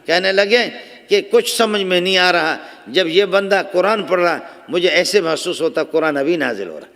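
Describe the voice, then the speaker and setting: A man delivers a storytelling sermon, his high voice rising for emphasis and dropping for asides. His voice rings out with a long reverb, as if recorded in a large conference hall. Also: animated, gravelly. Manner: storytelling, impassioned, shifting between soft asides and raised emphasis. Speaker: religious speaker.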